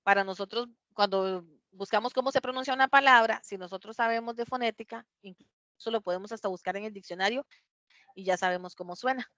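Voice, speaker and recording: A woman teaching an English pronunciation lesson, explaining patiently step by step and slowly repeating words to model them. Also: medium pitch, fairly bright tone, no room sound, muffled recording. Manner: patient, explains step by step, asks "¿verdad?" often.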